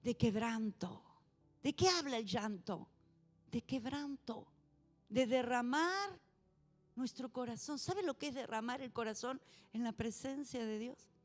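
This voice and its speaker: A woman pastor with a Rioplatense accent preaching a sermon, swinging between loud proclaiming and soft, low pleading. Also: animated, unhurried. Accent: Rioplatense Spanish. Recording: music under a long church reverb.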